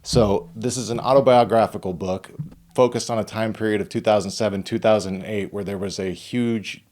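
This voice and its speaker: A man hosting a podcast, giving a smooth scripted introduction and asking short, attentive questions. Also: fairly low pitch, steady tone, moderate pace, darkish tone. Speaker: podcast host. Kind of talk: podcast interview.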